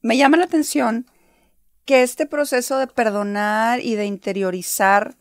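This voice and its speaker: A woman's voice: on the high side, fairly even intonation, unhurried, no room sound, clean studio sound. A woman hosting an interview, giving long, affirming summaries of what her guest says. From Mexico. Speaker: interview host. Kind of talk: warm reflective interview.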